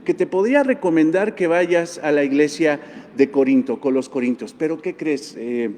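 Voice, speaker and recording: A man's voice: fairly high pitch, normal speed, darkish tone, close to an everyday voice. A man voicing the apostle Paul as a kindly older man explaining things over the phone. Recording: long hall reverb.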